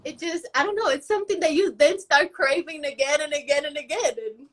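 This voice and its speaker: High-voiced animated woman guest. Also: brisk, low-quality recording. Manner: animated storyteller, many "like" fillers. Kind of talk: casual chat. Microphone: video call.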